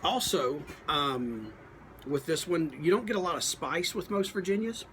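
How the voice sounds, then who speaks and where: A man giving a casual, unscripted product review, thinking aloud in a halting, folksy, plain-spoken way. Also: fairly high pitch, a bit bright, a little hiss or hum. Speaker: pipe tobacco reviewer.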